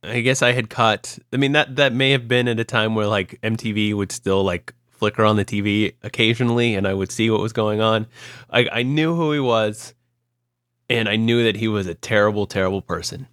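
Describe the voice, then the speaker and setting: A fairly low-pitched, slightly bright male voice moves briskly as this young Ohio podcast co-host chats casually, rambling through stories with plenty of fillers and restarts. The sound is studio quality with no echo.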